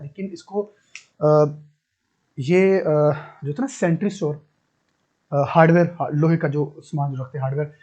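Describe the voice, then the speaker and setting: A man's voice: high voice, a little mellow, lo-fi sound. A man teaching a physics lesson, who explains step by step, repeats key terms and asks his class rhetorical questions. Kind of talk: classroom lecture.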